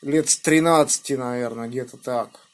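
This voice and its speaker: A middle-aged, medium-pitched man from the Moscow region of Russia makes a ham radio contact, spelling out callsigns phonetically in a measured, deliberate, encouraging manner. He sits indoors at a home radio desk by a window, recorded on a phone that is filming the radio.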